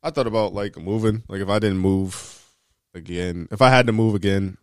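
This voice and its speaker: A man's voice: on the low side, moderate pace, clear, resonant tone, no room sound, studio quality. A man hosting a casual chat, rambling along in slangy, profane language. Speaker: podcast host.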